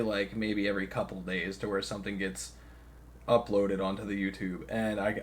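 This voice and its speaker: Low-pitched young man, casual and profane. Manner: loose, profane, laughs often. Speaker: podcast co-host. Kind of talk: casual chat.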